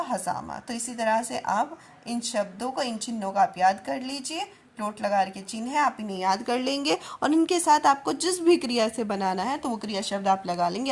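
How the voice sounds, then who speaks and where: A woman's voice: on the high side, husky. Woman teacher explaining Sanskrit grammar. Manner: reads Sanskrit lines, then explains them.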